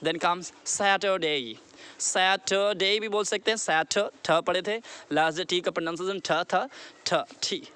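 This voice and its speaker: A man from India teaching a basic lesson online, earnestly repeating words slowly for pupils to copy. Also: sits high, fairly even intonation, sharp tone, clear, resonant tone. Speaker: English teacher.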